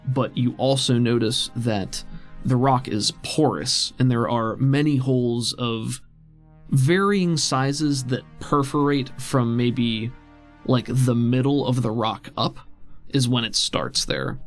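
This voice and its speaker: Here a game master sets the scene for a tabletop roleplaying session, storytelling in a conversational manner. He talks slowly in a mid-range voice, and music runs in the background.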